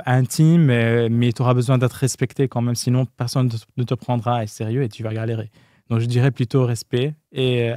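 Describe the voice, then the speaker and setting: A man speaking French as a second language with a foreign accent, talking casually and candidly as a podcast guest, often pausing and rephrasing. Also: mid-range voice, a little mellow, dry recording, clean studio sound. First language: not French. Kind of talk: casual, candid interview talk.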